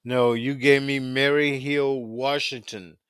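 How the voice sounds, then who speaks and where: A man in his fifties chats casually with strangers he meets online. His drawl is unhurried and he often says the same thing twice. His voice is at a middle pitch and sounds dry and close to the mic. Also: flat delivery, fairly bright tone, smooth, no echo. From United States. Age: 50s. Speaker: host of a live video chat. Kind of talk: casual chat.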